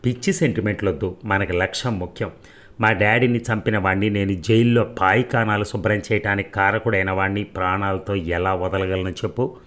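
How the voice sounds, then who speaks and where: Young male avenger, coldly calm and taunting, narrator-voiced. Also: on the low side, fairly quick, close to an everyday voice. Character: young vengeful hero, cool and taunting.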